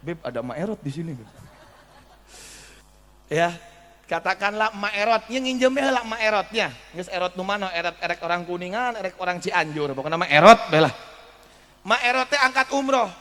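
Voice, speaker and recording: Animated preacher in an echoing hall. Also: male voice, sits high. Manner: animated, questions the audience. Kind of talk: sermon. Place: religious school gathering hall. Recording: echoey hall.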